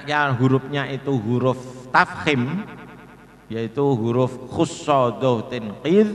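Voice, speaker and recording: Slow, measured Indonesian man teaching in an echoey hall. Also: mid-range voice, a bit bright. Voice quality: slow, drawn-out demonstration of Arabic sounds. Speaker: Quran recitation teacher. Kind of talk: Quran reading lesson. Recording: echoey hall with long reverb.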